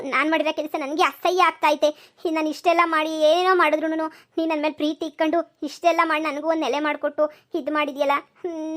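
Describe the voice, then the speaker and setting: A woman's voice: sits high, a bit bright. A woman voicing a pleading old village mother-in-law. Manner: pleading, self-reproaching. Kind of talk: cartoon voice acting.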